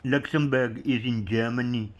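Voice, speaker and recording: At a moderate pace and in a steady, medium-pitched voice, a coin collector wanders through his show-and-tell. He sprinkles in "you know" and "yeah" and reads the inscriptions letter by letter.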